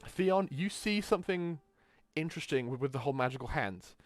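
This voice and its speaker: A man's voice: on the high side, expressive, brisk, dry recording, soft background music. Stammering man running a tabletop game. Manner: stammering, frequent restarts. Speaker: game master.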